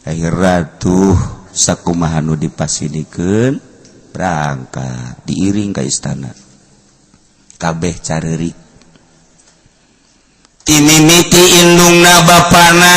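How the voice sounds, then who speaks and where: Speaking a little high, this Sundanese-accented Islamic preacher delivers a funny storytelling sermon built around a folk tale. His pace is slow and drawn out, punctuated by abrupt loud outbursts, quiet asides, and playful mock voices.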